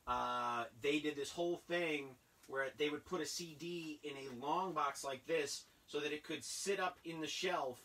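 A man in his thirties chatting casually and rambling with excitement as he unboxes old toys in a cluttered basement room. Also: on the high side, a little slow, hardly any pauses, distant mic. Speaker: toy collector vlogger. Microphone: camera a few feet away.

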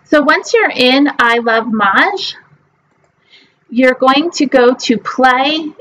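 A woman's voice: high voice, takes it slowly, fairly bright tone, slight background noise, poor audio. A woman in her forties teaching a live online class at a webcam, explaining step by step with frequent ums. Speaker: mah jongg teacher.

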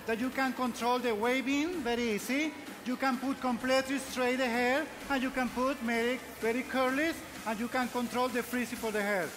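A man's voice: extremely high pitch, fairly even intonation, normal speed, hardly any pauses, noisy background. A man with a Venezuelan Spanish accent, whose first language is Spanish, demonstrating hairstyling live on a trade show stage in simple, repetitive English. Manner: simple broken English, repeats "very easy". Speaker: hair stylist demonstrator. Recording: loud background music over PA.

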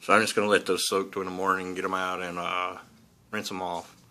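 A man with a low, bright voice talks. He sounds like a hobbyist hosting his own casual vlog, with plain hillbilly phrasing. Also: flat delivery, a little fast. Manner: folksy hillbilly talk. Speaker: hobbyist host of model-building videos. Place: indoors at a hobby workbench.

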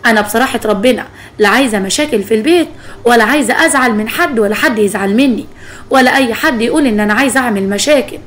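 A woman voicing a gentle young bride with an Egyptian Arabic accent who complains earnestly, in a spoken story. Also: a little high, fast talker, natural voice. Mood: hurt.

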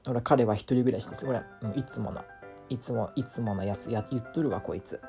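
Whiny, mellow-voiced man. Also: mid-range voice, fast, gravelly, soft background music. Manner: exasperated, whiny complaining. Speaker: vlogger. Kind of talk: casual voice-over commentary.

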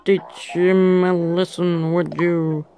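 A woman's voice: fairly low pitch, flat delivery, takes it slowly, dark tone. A woman voicing a rambling, indignant old townsman from a video game in a grumbling manner. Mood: indignant, shaken. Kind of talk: reading game dialogue in character.

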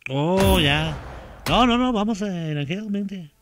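A man in his thirties streams a game from a small home room over a headset, chatting casually, repeating himself and laughing often. His voice is high with lively intonation and a slightly slow pace, and there's background noise.

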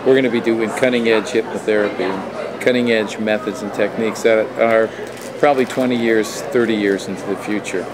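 A hypnotist in his fifties promotes his training to camera, speaking emphatically and repeating himself, and also does a live demonstration, indoors at a hotel room and an airport. His voice is mid-range and a bit bright, picked up by a distant mic with a roomy, echoing camera sound.

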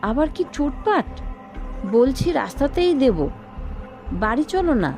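A woman voicing a short-tempered young village man in a spoken ghost story, complaining loudly and irritably. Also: sits high, very animated, a little slow, soft background music, pitched above the performer's own voice, exaggerated voice. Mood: irritated.

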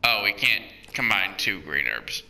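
A man's voice: fairly low pitch, big pitch swings, unhurried, vocal fry, sharp tone, faint music behind. A young man giving casual, joking commentary while playing a co-op video game. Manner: joking, playful.

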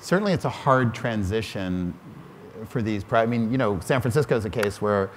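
Middle-aged male panelist, low-ish voice, reflective, restarts phrases; hall reverb, faint noise. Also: animated, a little fast. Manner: thoughtful, restarts phrases often. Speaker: museum director on a panel. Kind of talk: panel discussion. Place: large hall on a stage before an audience.

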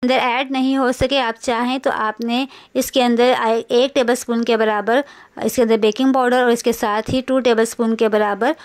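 A woman talks viewers through a home recipe in a voice-over. Her voice sits a little high and sounds smooth and clean. She explains each step patiently and repeats herself so nothing gets missed. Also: little pitch movement, normal speed. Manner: patient, instructive, repeats steps. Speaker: cooking vlogger.

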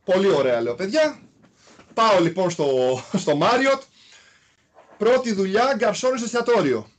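A man from Greece talks through his past in a relaxed interview, his voice pitched noticeably high. He tells it in an animated way, leaning on small repeated fillers. He comes across as a former player recounting his own road. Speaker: guest, former basketball player. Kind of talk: casual interview storytelling.

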